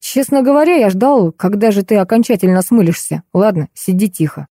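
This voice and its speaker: A woman's voice: mid-range voice, brisk, dark tone, no echo, lightly acted. A woman reading the lines of a wry, laconic tall young man in an audiobook, speaking drily and ironically. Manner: dry, ironic.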